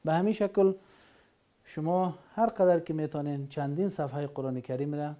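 A man teaching Quran reading in a recorded lesson, sounding out letters and syllables slowly one by one. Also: fairly high pitch, steady tone, warm tone. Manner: slow, drawn-out syllable drills.

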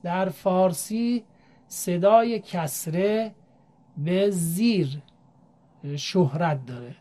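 A woman teaching Arabic vowel sounds, speaking slowly and politely, with Persian as her first language, repeating letter sounds clearly. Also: fairly low pitch, warm tone. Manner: slow, careful, polite teaching with drawn-out repetition of letter sounds. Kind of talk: recorded lesson.

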